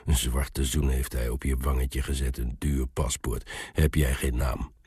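A man plays a gruff old soldier keeping watch at a gate in a storybook tale, booming and blunt. The voice is very deep and breathy, recorded dry and close. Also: level tone, a little slow, darkish tone, no room sound, full character voice. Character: gruff old male soldier gatekeeper, lonely.

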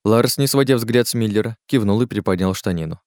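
A man narrating an audiobook in an even, measured reading. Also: lowish voice, dry recording, clean studio sound. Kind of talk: scripted narration.

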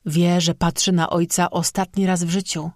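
An audiobook narrator voicing an anxious village priest watching a shipwreck, speaking gravely. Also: medium pitch, little pitch movement, moderate pace, dry recording, studio quality, natural voice.

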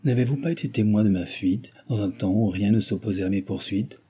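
Ardent pleading young gentleman, as a reader voices him. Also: lowish voice, a little fast, slightly rough.

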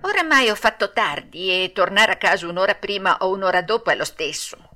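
A woman voicing Pinocchio, a naive wooden puppet boy, with dreamy drawn-out exclamations in an audiobook. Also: medium pitch, animated, pushed and bright. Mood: pleading. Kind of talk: audiobook character voice.

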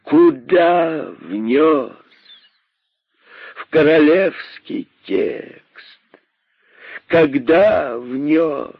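A man's voice: fairly high pitch, lively intonation, extremely slow, vocal fry, pauses often, husky, no echo, pitched above the performer's own voice, heavily acted. A man voicing a stern, accusing male rabbit king in a radio story reading. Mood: angry. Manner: angry, sarcastic, commanding. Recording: dull, dry radio recording.

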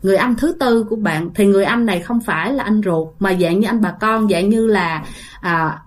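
A woman's voice: medium pitch, a little fast. A woman telling a ghost story in a casual, chatty way, talking straight to her listeners. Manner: chatty, addresses listeners directly, many fillers.

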